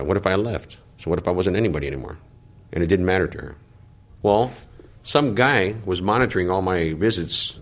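A middle-aged man, a former gang member, giving slow, heavy, confessional testimony in an interview. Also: low voice. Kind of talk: reflective personal testimony.

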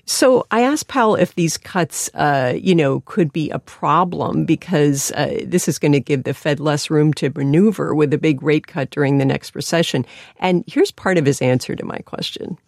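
A woman's voice: low-pitched, moderate pace, creaky, a little mellow, no room sound, studio quality. A woman explaining news as a radio reporter.

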